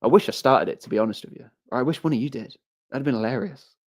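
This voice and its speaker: A man's voice: medium pitch, rapid-fire. A man hosting a live stream, rambling through casual commentary and reading viewer comments aloud, often repeating himself. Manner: rambling, repeats phrases, frequent restarts. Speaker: livestream host.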